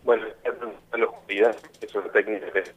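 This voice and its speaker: A man's voice: on the low side, little pitch movement, fast talker. A man with an Argentine Spanish accent, a theatre tour coordinator, heard over a choppy, breaking-up phone line in a radio interview. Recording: dull, dry phone-line audio.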